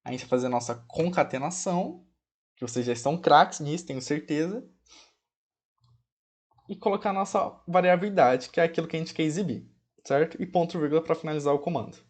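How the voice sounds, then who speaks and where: A Brazilian Portuguese-accented instructor, his voice on the high side, walks viewers through a casual coding screencast. He's chatty and fond of diminutives, often asking "ok?" or calling out "pessoal", and he slows down to spell commands while typing.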